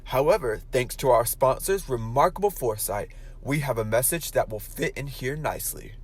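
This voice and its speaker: A man's voice: mid-range voice, expressive, moderate pace, husky. A man playing a genial, polished announcer in a 1940s-style radio play, reading the breaks and an advert in a salesy way.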